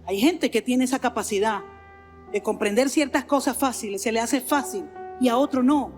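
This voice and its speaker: A Venezuelan woman pastor preaches with a bright, high voice, leaning on repetition and calling out "amén." Her words ring with a long reverb through a large church sanctuary. Soft music lingers faintly underneath. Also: moderate pace. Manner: earnest preaching with repeated phrases and frequent "amén". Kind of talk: sermon.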